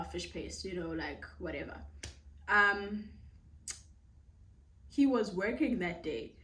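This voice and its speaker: A young South African woman with a South African accent, telling a casual storytime vlog, animated and code-switching as she acts out the dialogue. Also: mid-range voice. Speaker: YouTuber. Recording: roomy, slightly distant mic.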